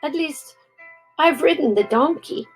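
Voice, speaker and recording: A woman's voice: high voice, lively intonation, measured pace, faint music behind, pitched above the performer's own voice. Grandma doing an eager, timid young boy. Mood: unsure. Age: older. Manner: earnest, eager, a bit unsure.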